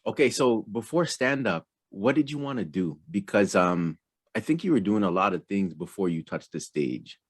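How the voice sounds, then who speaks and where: A man's voice: fairly low pitch, expressive, moderate pace, slightly rough. A man hosting a casual interview, a former stand-up comic, encouraging his guest with frequent affirmations.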